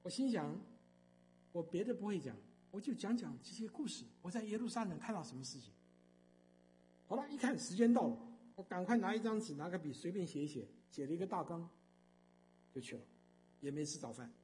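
An older man giving a church testimony as a storytelling sermon, emphatic and animated, with frequent fillers. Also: sits high, fairly quick, a little hiss or hum.

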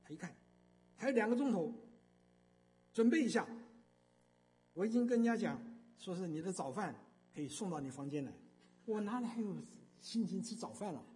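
An older man tells a story from the pulpit, his voice high and swinging widely up and down. He talks emphatically, with many fillers between phrases. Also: animated, brisk, long pauses, dark tone, a little hiss or hum. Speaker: speaker giving a testimony. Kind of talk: storytelling sermon.

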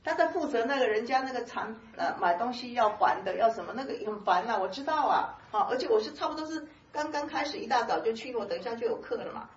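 A woman with a fairly high voice gives an informal, conversational Bible teaching, chatty and animated, laughing often between points and using many soft filler particles. She talks fast with few pauses. She sounds far from the mic in a roomy, echoing space, and the audio is muffled and dull.

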